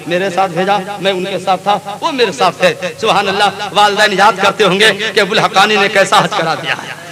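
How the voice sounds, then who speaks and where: A man preaching a sermon to a live gathering, moving from soft storytelling to loud, fervent calls for the crowd to answer back. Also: high voice. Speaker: Islamic preacher. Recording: live event with crowd audible.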